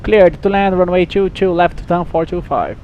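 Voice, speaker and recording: A man's voice: sits high, normal speed, a little mellow, dull audio, a little hiss or hum. A man with a Brazilian Portuguese accent making clipped, raised radio calls to the tower as a pilot over a cockpit headset. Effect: pilot speaking over a cockpit headset radio. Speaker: flight simulator pilot. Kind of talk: radio calls to air traffic control.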